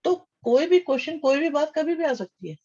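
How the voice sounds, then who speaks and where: A man's voice: extremely high pitch, lively intonation, brisk, a little mellow, dull audio. A man teaching maths in a live online class. He calls students "beta," reads out their names, praises their answers and repeats his questions back to them.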